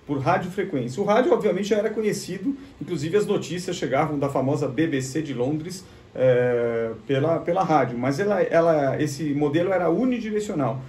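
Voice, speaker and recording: A man with a Brazilian Portuguese accent presents a show on vintage gadgets, giving an informal explanatory demonstration. His fairly high voice is expressive, a little mellow and slightly rough, moving at a moderate pace with few pauses. He teaches casually, often asking himself questions and answering them.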